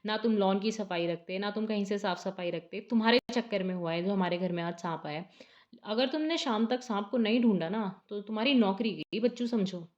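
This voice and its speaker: A woman's voice: mid-range voice, fairly quick, highs cut off, close to an everyday voice. Exasperated scolding housewife, read by a woman, storybook. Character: harried, scolding lady of the house.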